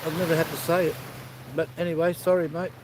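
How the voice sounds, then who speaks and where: A man's voice: on the high side, level tone, fast talker, noisy background. An Australian man chatting easygoing to viewers on a live stream, greeting them by name. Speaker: livestream host. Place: outdoors by the sea.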